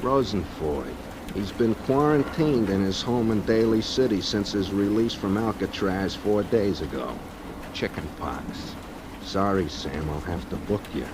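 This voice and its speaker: Low-voiced officious police captain, male actor, noisy radio. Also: unhurried, lightly acted. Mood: dry, official. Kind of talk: 1940s radio crime drama acting. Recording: noisy old radio recording.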